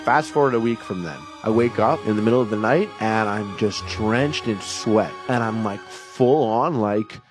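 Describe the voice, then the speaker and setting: A man's voice: fairly low pitch, moderate pace, few pauses, over music. Young man telling a rambling anecdote. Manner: loose, rambling, many "like" fillers. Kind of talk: casual spoken anecdote.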